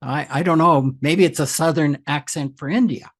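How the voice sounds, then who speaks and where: A man's voice: on the high side, normal speed. An older man hosting a podcast interview, talking loosely with many fillers and restarts. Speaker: podcast host.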